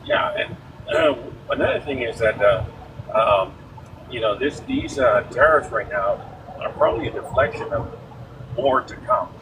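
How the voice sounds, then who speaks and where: A man calling in to a live talk show, speaking casually with many pauses and fillers, his voice tinny and muffled like it is coming through a tin can. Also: mid-range voice, lively intonation. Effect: tinny, muffled call-in audio, like a tin can. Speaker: caller. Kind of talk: casual call-in chat. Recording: distant, noisy, tinny call-in line.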